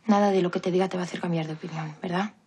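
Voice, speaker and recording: An actress playing a worried, caring young lady in a period TV drama, speaking formally and gently with a Castilian accent. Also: fairly low pitch, steady tone, rapid-fire, a little hiss or hum, natural voice. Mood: gentle concern. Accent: Castilian Spanish. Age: young adult.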